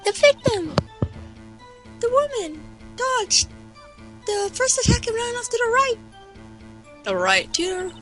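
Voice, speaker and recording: A woman's voice: very high voice, very animated, slow pace, long pauses, fairly bright tone, soft background music, voice pushed up, exaggerated voice. Woman playing a coy flirty witness.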